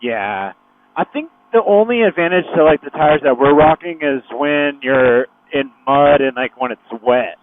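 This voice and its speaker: A man chats casually while riding his motorcycle, heard over a helmet intercom. His voice is fairly high with lively intonation at a measured pace, and the radio sound is dry and tinny.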